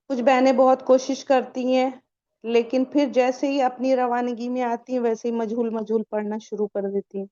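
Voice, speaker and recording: A woman's voice: on the high side, warm tone, clean tone, dull audio. A woman teaching a recitation class for women, quizzing the learners and answering her own questions. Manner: quizzing, asks questions and answers them herself. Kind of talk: online tajweed class for women.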